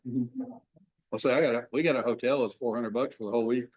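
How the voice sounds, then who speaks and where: A man explains details to colleagues in plain, matter-of-fact chat. He talks quickly. His voice sits at a middle pitch. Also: darkish tone, distant mic, poor audio. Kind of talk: casual small talk.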